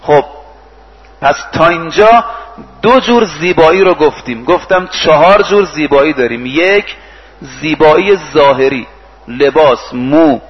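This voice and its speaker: A man's voice: fairly high pitch, big-room sound, highs cut off, slight background noise. A male preacher giving a sermon. He retells stories, acts out the speakers' lines and recites Arabic verses. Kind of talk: sermon with storytelling.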